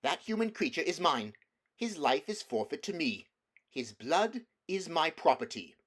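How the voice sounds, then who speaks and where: Man putting on a shrill, imperious witch queen. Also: sing-song, a little slow, a bit bright, full character voice. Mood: menacing claim. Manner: imperious, declaiming. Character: imperious evil witch queen, cold, shrill when angered.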